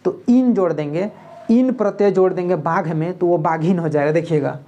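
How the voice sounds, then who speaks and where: Woman teaching grammar, mellow low voice. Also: normal speed. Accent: Jharkhand Hindi. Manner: explanatory, repeats "ठीक है" often, reads Nagpuri lines aloud. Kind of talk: exam-prep grammar lesson.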